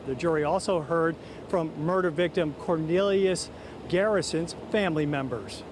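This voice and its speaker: Higher-voiced man reporting live news outdoors. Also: background noise. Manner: measured, formal broadcast delivery. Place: outdoors outside a city courthouse. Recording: live outdoors on an urban street.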